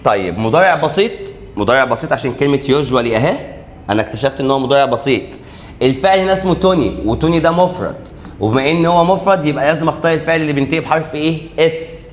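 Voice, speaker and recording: A man with an Egyptian Arabic accent teaching an exam-prep English grammar lesson, animated, posing students' questions and answering them himself, drawing out key letters slowly. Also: a little high, slight background noise. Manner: animated, asks and answers his own questions.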